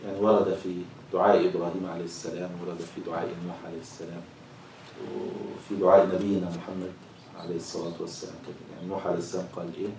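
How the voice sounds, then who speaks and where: A man teaching Quran commentary, reciting verses slowly and then explaining them in plain speech. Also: low-pitched, level tone, darkish tone, a little hiss or hum. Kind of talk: tafsir lesson. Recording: echoey room, voice far from mic.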